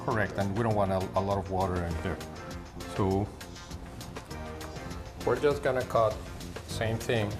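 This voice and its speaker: A guest cook from Mexico City with a Mexican Spanish accent demonstrates a recipe in a home kitchen, speaking haltingly with many pauses and fillers. His voice is lowish. Background music and a sizzling pan can be heard.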